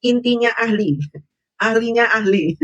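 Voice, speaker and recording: A man's voice: extremely high pitch, a little slow, fairly bright tone, no echo, muffled recording. A man doing an angry political vlog, mocking and insulting his opponents with scornful laughs. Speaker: political commentator.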